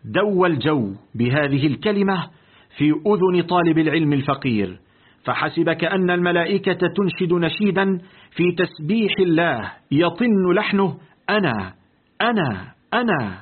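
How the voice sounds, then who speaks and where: A man narrating a literary audiobook in a deliberate, expressive reading. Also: fairly high pitch, slightly rough. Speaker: audiobook reader. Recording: tinny, lo-fi phone-like audio.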